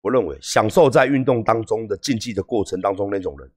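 A Taiwanese man with a Taiwanese Mandarin accent ranting on a livestream, profane and heated, swinging between calm lecturing and yelling. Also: fairly low pitch, fast. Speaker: livestream host. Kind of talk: livestream rant.

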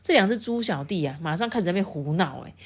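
A woman reading a storybook aloud to her child, lively and chatty, stopping to explain the story. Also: lowish voice, quick pace, husky.

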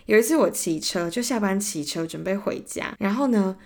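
A young woman with a Taiwanese Mandarin accent tells stories on her solo podcast at a normal pace, her mid-range voice expressive and a little mellow. The casual rant grows heated and exasperated as she animatedly acts out both sides of arguments.

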